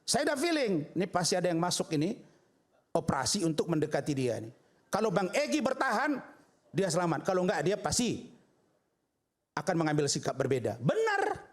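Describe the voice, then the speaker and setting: A man's voice: sits high, huge pitch swings, brisk. A man, a lawyer, telling a story in a talk show interview, acting out the dialogue and repeating himself for stress. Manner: recounts events by acting out quoted dialogue.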